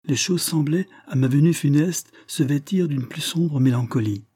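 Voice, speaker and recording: A man giving a solemn, measured, expressive dramatic reading of a literary text. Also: a little high, slightly rough. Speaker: reader.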